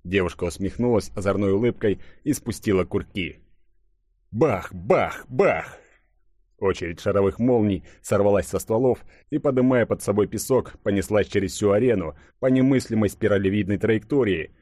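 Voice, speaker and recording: A man reading an audiobook in a dramatic, measured storytelling manner. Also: fairly low pitch, warm tone, no room sound, studio quality. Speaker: audiobook narrator. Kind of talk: scripted audiobook narration.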